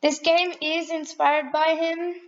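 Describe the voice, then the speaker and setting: Slow-talking young-sounding woman tutorial voice. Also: high voice, muffled recording, slight background noise. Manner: relaxed, self-correcting, chatty asides. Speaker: tutorial maker. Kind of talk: casual screen-recorded tutorial.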